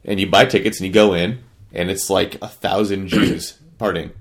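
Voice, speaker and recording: Male co-host, fairly low pitch, matter-of-fact conversational delivery, slightly far from the mic. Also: fairly even intonation, moderate pace. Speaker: podcast co-host. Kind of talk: casual chat. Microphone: one shared microphone. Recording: distant from a single shared mic.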